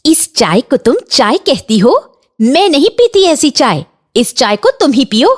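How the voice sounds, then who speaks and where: A woman's voice: high voice, very animated, measured pace, voice pushed up, exaggerated voice. Woman voicing a fussy scolding aunt. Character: bossy demanding older aunt, visiting guest. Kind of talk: Hindi cartoon voice acting.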